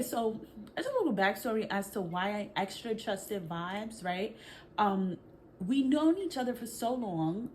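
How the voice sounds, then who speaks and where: A young woman from Brooklyn, New York, telling a storytime vlog in an animated, chatty, slang-filled way, talking straight to her viewers. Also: mid-range voice, a little hiss or hum. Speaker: vlogger.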